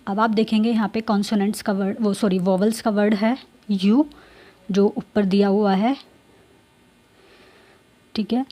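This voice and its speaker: A woman's voice: mid-range voice, fairly even intonation, a little slow, pauses often, warm tone. A woman teacher explaining a grammar lesson to students, repeating her points and checking in with them often.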